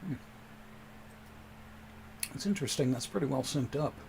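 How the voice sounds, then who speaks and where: A man's voice: medium pitch, expressive, normal speed, gravelly, darkish tone, slight background noise. A man hosting a casual livestream from his home computer desk, talking into a desk microphone in a chatty, rambling, self-deprecating way. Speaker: livestream host.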